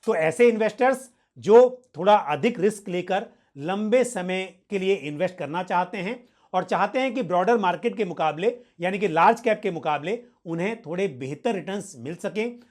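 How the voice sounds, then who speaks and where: A man's high, expressive, slightly mellow voice moves at normal speed as he hosts a finance Q&A. He answers viewer questions politely and formally, sprinkling in English financial terms.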